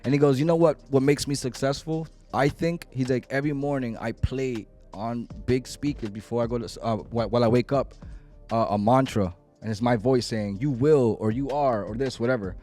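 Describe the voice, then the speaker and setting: A man's voice: mid-range voice, fairly quick, warm tone, soft background music. A man in his late thirties hosting a podcast, chatting casually and reflectively, swearing freely. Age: 30s. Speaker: podcast host. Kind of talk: casual chat.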